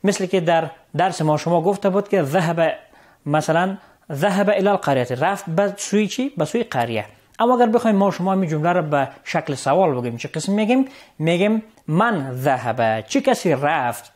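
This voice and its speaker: A male teacher with an Afghan Dari accent, speaking a little high with a very animated, swooping pitch. He reads phrases slowly and then translates them. He often stops to check in with the class, his voice rising on a quick "right?". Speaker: Arabic teacher. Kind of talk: recorded classroom lesson.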